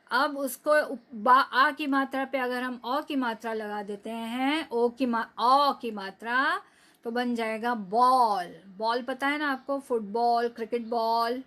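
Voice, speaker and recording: Slow, patient woman teacher. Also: high voice, pushed and bright. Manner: slow, drawn-out words for children to repeat after her. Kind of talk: recorded online class lesson.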